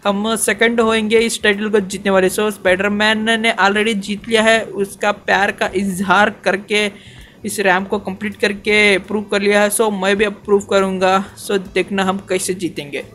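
A man giving excitable, chatty gameplay commentary as a channel host, often dropping in English fillers. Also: high-pitched, normal speed, slight background noise.

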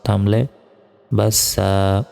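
A man with a low, steady voice teaches recitation, spelling letters slowly and chanting verses. His tone is smooth and clear. The room rings with a long reverb, and soft music plays faintly behind him. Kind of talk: religious lesson with spelled-out recitation.

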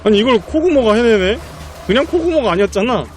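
A male streamer commentating his own live game stream, excitable and profane, laughing often. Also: very high voice, quick pace, soft background music.

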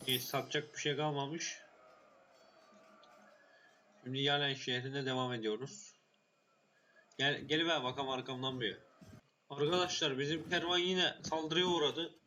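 A man giving casual gameplay commentary, playful and swearing a lot, shouting at the game when it goes wrong. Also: fairly high pitch, steady tone, normal speed, pauses often, a little hiss or hum. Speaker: gaming YouTuber.

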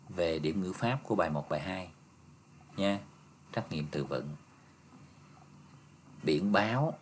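A male teacher goes through an exam review step by step, patient, ending phrases with soft tags. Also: sits low, slight background noise. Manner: patient, explains step by step, ends phrases with "ha" and "nha".

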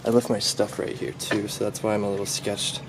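A young man with a fairly low, level voice speaks briskly to viewers as he explores a large abandoned building for his vlog. He's curious and chatty, recorded on a handheld camera mic against a noisy background.

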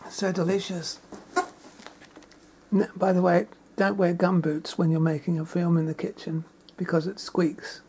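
A woman's voice: fairly low pitch, level tone, a little slow, warm tone, slight background noise. A woman talking in a casual cooking vlog in a shearing shed kitchen, chatty and enthusiastic, savoring each taste aloud. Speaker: home gardener and cook.

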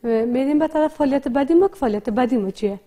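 In this slow, repetitive literacy lesson, a woman teaching at a primary school patiently sounds out every word and repeats each sound for her young pupils. She has an Afghan Dari accent and a high, soft, mellow voice.

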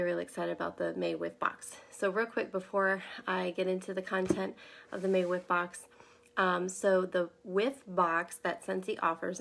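Congested woman, chatty product consultant, gravelly fry in her voice, rambling delivery. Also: lowish voice. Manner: chatty and rambling, with many ums. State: congested from a sinus infection. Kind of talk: casual live unboxing chat.

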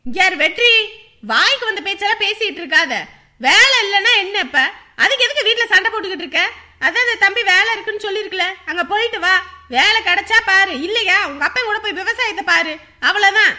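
A woman's voice: very high voice, animated, fast talker, bright, forceful tone, full character voice. A woman voicing a bossy mother-in-law in a cartoon family story, scolding her son and keeping the peace.

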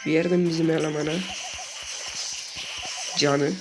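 A young man commentating his own mobile game as he plays, excitable and often exasperated, with quick outbursts. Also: a little high, noisy background. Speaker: gaming channel host. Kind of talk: live gameplay commentary. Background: game music.

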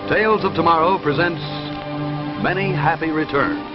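A young man with a fairly high voice gives a polished, salesmanlike scripted announcement at a moderate pace, like a 1950s TV commercial pitchman. The sound carries a long reverb tail, and it comes from a dull 1950s television soundtrack with music.

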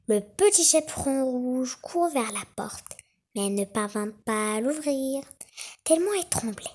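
A woman narrating a children's fairy tale in an expressive, dramatic storytelling manner. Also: fairly high pitch, breathy edge.

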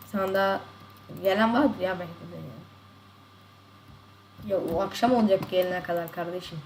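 Young woman, game streamer, excitable, mid-range voice, loud keyboard and mouse clicks behind. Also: medium pitch, noisy background. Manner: excitable, quick shouts and laughs. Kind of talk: casual live gaming commentary. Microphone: desk mic picking up mouse and keys. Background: constant typing and mouse clicking.

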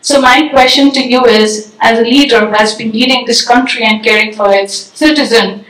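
A woman's voice: a little high, steady tone, moderate pace, a bit bright, recorded from a distance. A young woman, a graduate student from Nepal, asking a prepared question from the audience in an earnest, formal way. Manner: earnest, formal, with a few restarts. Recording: echoey hall, voice from off-mic.

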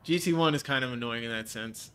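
Talking fast, a young man with a stuffed-up nose streams a racing game from home, chatting casually with viewers, reading chat, and joking along. His medium-pitched voice is bright and forceful, clear and resonant, recorded with a desk mic and webcam framing.

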